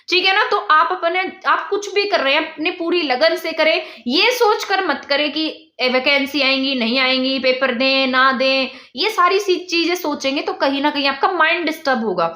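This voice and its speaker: A woman's voice: sits high, sharp tone, echoey room. A young woman from India, teaching an exam-prep lesson and drilling points by asking and answering her own questions.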